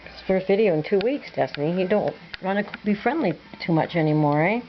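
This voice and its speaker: A woman's voice: fairly low pitch, animated, fast, soft background music. A woman filming her pet budgie at home, talking to it in a playful, teasing, sing-song way. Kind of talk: cooing baby talk to a pet bird. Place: at home by a birdcage. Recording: dull lo-fi home video with faint hiss.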